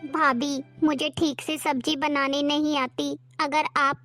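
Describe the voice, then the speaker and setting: A woman playing a meek, fearful young sister-in-law who answers softly and pleads. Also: high-pitched, level tone, slow pace, faint music behind, full character voice. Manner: timid, pleading, hesitant. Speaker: performer in a family skit. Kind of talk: amateur family drama acting.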